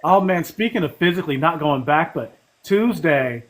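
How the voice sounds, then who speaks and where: Male co-host, slightly higher voice, rambling, self-mocking, halting delivery. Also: lively intonation. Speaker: podcast co-host. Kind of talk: casual chat.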